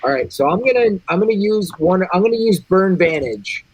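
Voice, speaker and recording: High-pitched, husky man at a game table. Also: expressive, brisk, rough recording. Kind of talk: casual game-table talk.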